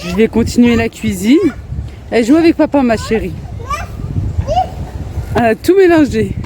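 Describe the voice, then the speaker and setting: Speaking at a normal speed in a slightly high, expressive voice, a woman in her thirties records a casual family vlog outdoors in a park. She laughs often and breaks off to talk to her kids, with faint outdoor street noise in the background.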